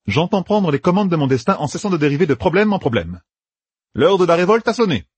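A man's voice: fairly high pitch, sing-song, breathy edge, dry recording, pitched above the performer's own voice. A man voicing a brash young schemer who barks out plans in a raised, emphatic voice in an audiobook. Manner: bossy, emphatic, rapid-fire planning.

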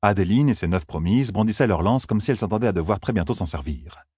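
A man narrating an audiobook in a steady, even reading manner. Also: lowish voice, quick pace, husky, no echo, studio quality.

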